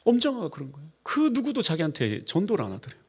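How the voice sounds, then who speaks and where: A man's voice: a little high, quick pace, breathy edge. A man preaching a Sunday sermon as pastor, telling stories and firing rhetorical questions at the congregation. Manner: animated storytelling, acting out quoted voices, rhetorical questions to the congregation.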